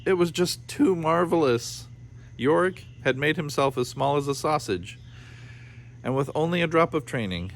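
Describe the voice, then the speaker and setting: Lively intonation marks this man's slightly high voice as he reads a children's story at a moderate pace. His style is playful with informal asides, and there's clear background noise behind him.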